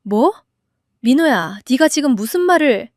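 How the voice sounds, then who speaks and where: A woman's voice: high voice, expressive, a little slow, dry recording, clean studio sound. Woman reading as a scornful domineering mother-in-law. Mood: scolding. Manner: scolding, sharp-tongued.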